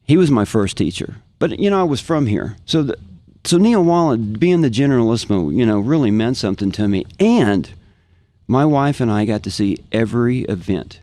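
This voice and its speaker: Reminiscing as a podcast guest, a professional guitarist from Kansas, United States, talks casually and with enthusiasm, repeating phrases for emphasis. His American-accented voice is mid-range, expressive and dark in tone, at a moderate pace. There's no echo.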